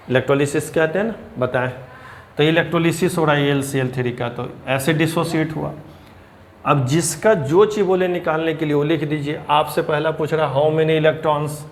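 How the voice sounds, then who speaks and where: A man teaching chemistry, explaining step by step, addressing students as children and reading English terms slowly. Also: a little high, a little hiss or hum. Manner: reads English question lines slowly and deliberately. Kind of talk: blackboard lecture.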